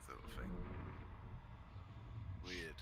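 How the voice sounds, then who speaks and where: A man's voice: very slow, background noise. A man chatting casually and jokily while gaming. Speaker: gamer on a livestream. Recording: loud music behind the voice.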